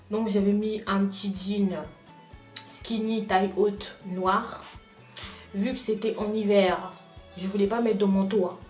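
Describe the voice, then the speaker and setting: A young woman vlogger telling a personal story in casual chat, talking straight to her viewers in an animated way. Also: mid-range voice, echoey room, recorded from a distance. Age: young adult. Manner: animated, addresses viewers directly.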